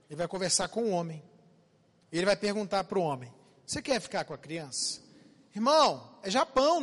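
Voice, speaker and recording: A Brazilian man preaching a sermon as a pastor, animated, swinging from loud to hushed. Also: very high-pitched, in a large hall. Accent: Brazilian Portuguese.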